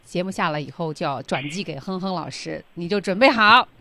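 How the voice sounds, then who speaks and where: A radio host running an on-air lesson, upbeat and chatty, quick to laugh along. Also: medium pitch, animated, gravelly, pushed and bright, slight background noise. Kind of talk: casual radio lesson hosting.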